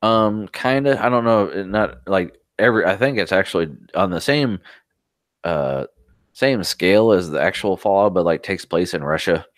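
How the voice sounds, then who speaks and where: A man's voice: sits low, lively intonation, normal speed, no room sound, clean studio sound. A man co-hosting a tech podcast, chatting casually, rambling through stories and swearing now and then. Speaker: podcast co-host.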